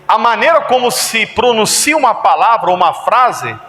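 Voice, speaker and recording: Animated Brazilian pastor, high, lively voice. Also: male voice, moderate pace, noisy background. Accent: Brazilian Portuguese. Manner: animated, asks congregation frequent rhetorical questions. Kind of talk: sermon. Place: church hall. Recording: echoey church hall with music.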